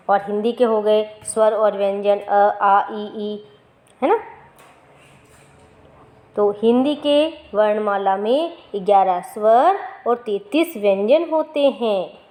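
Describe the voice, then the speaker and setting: A woman teacher with a slightly high voice leads a recorded lesson for young children. She poses a question, answers it herself, and says each example word slowly twice. Her voice sits close to the microphone. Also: darkish tone. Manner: asks questions and answers them herself, repeats words slowly. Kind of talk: recorded Hindi grammar lesson for fourth graders.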